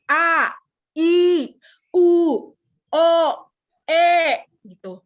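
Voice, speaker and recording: Over a video call, a woman teaches public speaking in a loose, playful lesson, joking and speaking colloquially in an interactive online format. Her voice sits extremely high and has a fairly bright tone, and she talks very slowly. The call audio sounds dull and band-limited.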